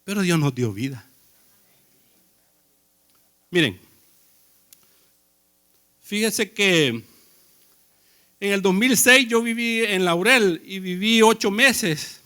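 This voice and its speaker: A man's voice: high-pitched, animated, slow pace, pauses often, pushed and bright. A man preaching a sermon in a conversational way, telling personal stories and asking the congregation questions.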